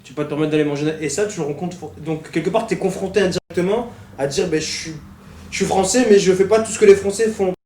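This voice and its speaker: A man in his twenties talks fast and animatedly in a casual group discussion, full of fillers. His voice sits a little high. The room is echoey, with faint noise behind. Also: darkish tone. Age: 20s. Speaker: discussion participant.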